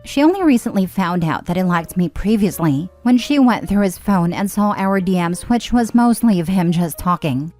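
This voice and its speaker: A woman narrating online forum stories and adding her own comments, reading expressively with frequent lifts in pitch. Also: animated, moderate pace, hardly any pauses, darkish tone, faint music behind. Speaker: story narrator.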